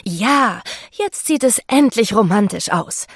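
A commanding, bossy young woman directs a photo shoot with impatient orders, as a female narrator puts her on. The voice has a gravelly texture. The sound is dry and close. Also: fairly high pitch, expressive, moderate pace, dry recording. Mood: excited. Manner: pushy, commanding.

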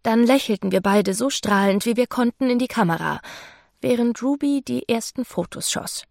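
Gravelly woman reading a novel. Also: fairly high pitch, moderate pace, darkish tone, no room sound, studio quality. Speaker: audiobook narrator. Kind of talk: first-person novel narration.

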